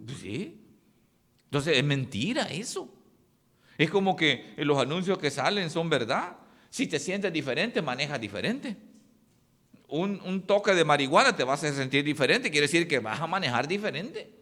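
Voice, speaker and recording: A male pastor preaching a sermon, animated, with sudden swings in his voice. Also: fairly high pitch, normal speed. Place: church hall. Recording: echoey church hall.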